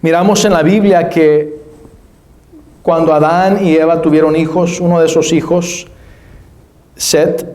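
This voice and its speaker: A man preaching a sermon as pastor, explaining scripture slowly and spelling out names and words. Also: on the high side, warm tone. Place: church. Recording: echoey church room.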